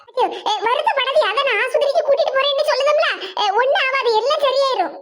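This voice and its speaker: A woman voicing a young village woman in a cartoon, quick and coaxing, with a Kanyakumari Tamil accent. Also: extremely high pitch, background noise. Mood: concerned. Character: brisk young village woman, caring neighbor. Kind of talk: animated comedy voice acting.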